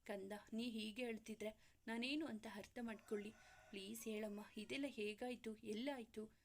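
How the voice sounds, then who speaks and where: A woman's voice: fairly high pitch, fairly even intonation, moderate pace, slight background noise, natural voice. A woman voicing a distraught young man. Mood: pleading. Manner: urgent, pleading questions. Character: young man, anxious and tender son.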